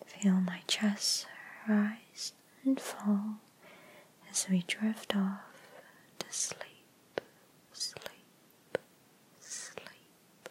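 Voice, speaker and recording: A woman whispering softly in a soothing, lulling ASMR comfort roleplay, close to the microphone. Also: mid-range voice, little pitch movement, very slow, pauses often, poor audio. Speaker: ASMR creator.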